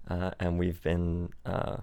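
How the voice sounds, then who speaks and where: Guesting on a podcast in London, a young Swiss-born, Australian-raised startup founder talks in a casual interview, frequently repeating words and starting sentences over. His low voice is mellow and smooth, completely flat in delivery, unhurried, and free of echo.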